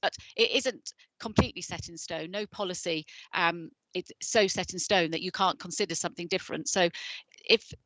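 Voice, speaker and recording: A woman with a fairly low voice explains policy to a council committee over a video call. She talks hesitantly, restarting her sentences and filling gaps, in a dry, close sound. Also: moderate pace, a bit bright, no echo, poor audio. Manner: hesitant, many restarts and fillers. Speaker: council licensing officer. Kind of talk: explaining policy in an online meeting.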